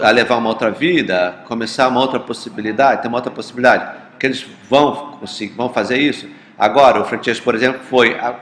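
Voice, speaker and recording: A man speaking earnestly at a panel, halting at times and restarting his phrases. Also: medium pitch, fairly bright tone. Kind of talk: panel talk. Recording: roomy echo.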